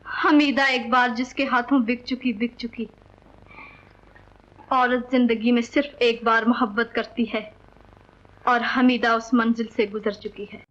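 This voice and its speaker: A woman's voice: on the high side, level tone, moderate pace, fairly bright tone, natural voice. An actress playing a proud, wronged young woman in a 1940s film, with formal, dignified diction. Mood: wounded. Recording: dull old film soundtrack.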